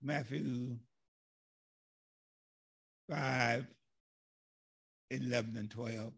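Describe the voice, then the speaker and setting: A man preaching a sermon with passion, dwelling on words and rising to shouts. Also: medium pitch, steady tone, vocal fry, breathy edge. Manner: impassioned, builds to shouts and drawn-out emphasis.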